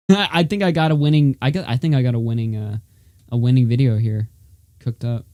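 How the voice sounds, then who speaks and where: A man's voice: mid-range voice, fairly even intonation, moderate pace, darkish tone, no echo, studio quality. A man reacting to a video in casual commentary, incredulous and profane, laughing often. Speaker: podcast co-host reacting to a video.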